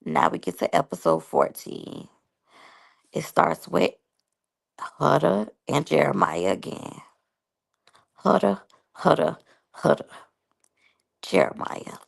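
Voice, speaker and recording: With a deep voice full of vocal fry and big pitch swings, a woman in her thirties speaks slowly and pauses often. She reviews a reality show and shares personal stories, talking candidly and chattily straight to her viewers.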